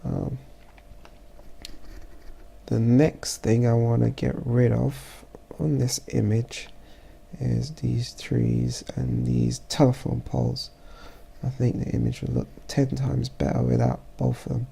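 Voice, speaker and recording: A photographer with a blocked-up, stuffy voice talks through his editing in a casual tutorial voice-over. His tone is deep-set and dark with heavy gravel and a husky edge. He speaks slowly and haltingly, pausing and restarting as he thinks aloud. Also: level tone. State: stuffy, congested.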